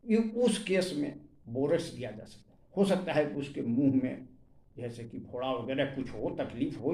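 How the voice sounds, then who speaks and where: A man teaches homeopathy at an unhurried, deliberate pace. His voice sits somewhat high, and he stresses each repertory term as he reads it out. The sound carries a noticeable echo from the room. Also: a little mellow. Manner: reads out repertory rubrics word by word, stressing them. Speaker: homeopathy doctor. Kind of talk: explanatory medical lesson.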